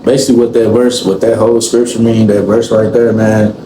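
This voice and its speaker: Twenty-something guy chatting on a podcast, lowish voice, roomy echo with faint hiss. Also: level tone. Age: 20s. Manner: explains slowly, repeats "you know what I'm saying". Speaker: podcast host. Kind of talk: casual chat. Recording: echoey room, faint room noise.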